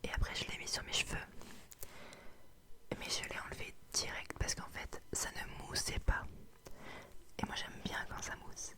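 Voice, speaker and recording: Femme qui chuchote en ASMR. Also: female voice, normal speed, long pauses. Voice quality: soft unvoiced whisper. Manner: casual, chatty, candid. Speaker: beauty box unboxing host. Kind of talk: whispered ASMR product review.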